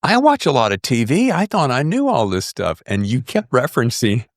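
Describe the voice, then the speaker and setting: A podcast host chats casually with his guest and listeners in a chummy, effusive, emphatic way, full of slang. His mid-range voice swings hugely in pitch at a moderate pace, with clean studio sound and no room sound.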